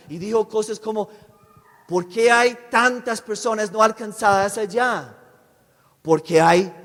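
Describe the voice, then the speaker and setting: A man giving a sermon testimony as a visiting missionary speaker. He speaks haltingly, restarts his words often and keeps checking with the audience. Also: sits high. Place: church sanctuary. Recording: long echo of a large church hall.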